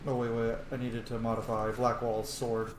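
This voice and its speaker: In an echoey room with faint background noise, a man mutters short fragments of casual commentary while playing through a roleplay game. He speaks at a moderate pace and medium pitch, his delivery completely flat.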